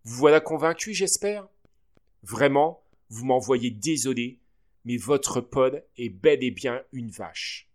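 A man voicing a pompous school director in a storybook reading, raising his pitch and booming proudly. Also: lively intonation, slow pace.

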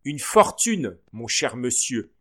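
A man voicing a pompous school director in a storybook reading, raising his pitch and booming proudly. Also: expressive, a little slow.

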